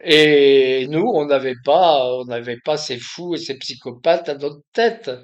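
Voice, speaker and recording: An older man from France talking in an impromptu monologue, halting with many restarts and fillers. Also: a little high, dull audio. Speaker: video commentator.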